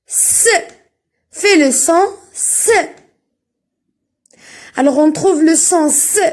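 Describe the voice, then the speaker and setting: A woman teaching a reading lesson, speaking slowly and spelling out sounds and syllables one at a time with careful enunciation. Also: high voice, darkish tone.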